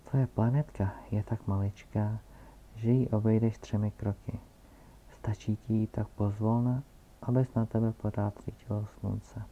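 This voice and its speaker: A man reading aloud and voicing a gentle, curious little prince who asks questions softly, captured on a dull, lo-fi recording. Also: fairly low pitch, fairly even intonation.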